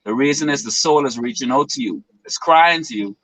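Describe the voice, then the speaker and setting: A man's voice: medium pitch, animated, brisk, a bit bright, no echo, poor audio. A man in his twenties from the Bahamas, talking as a guest in an earnest, philosophical way with long winding explanations. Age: 20s. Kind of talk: reflective interview talk.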